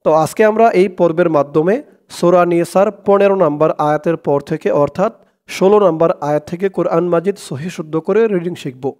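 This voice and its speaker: A man teaching Quran reading, breaking words into syllables and slowly chanting the verses. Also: high-pitched, darkish tone. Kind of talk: step-by-step recitation lesson.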